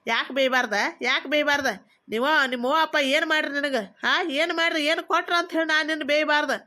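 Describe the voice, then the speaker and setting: A woman's voice: high voice, steady tone, quick pace. A woman doing a bossy nagging mother-in-law. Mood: scolding. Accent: Belagavi Kannada. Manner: loud, nagging, ordering about. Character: bossy scolding middle-aged mother-in-law. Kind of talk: cartoon comedy voice acting.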